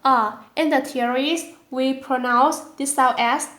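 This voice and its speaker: Woman teacher, Vietnamese accent, slightly high voice, careful drilled sounds. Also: fairly even intonation, a bit bright, reverberant. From southern Vietnam. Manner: slow and careful, repeating sounds aloud. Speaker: language teacher. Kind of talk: pronunciation lesson.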